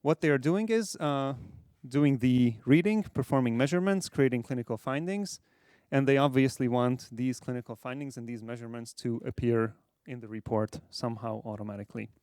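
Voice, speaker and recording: A man from Hungary, a software architect, giving a measured conference presentation with frequent fillers. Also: medium pitch, clear, resonant tone, no echo, studio quality. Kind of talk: conference talk.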